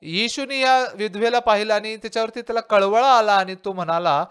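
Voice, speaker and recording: A man's voice: high-pitched, fairly quick, fairly bright tone, smooth. A male pastor preaching a sermon and asking his listeners rhetorical questions.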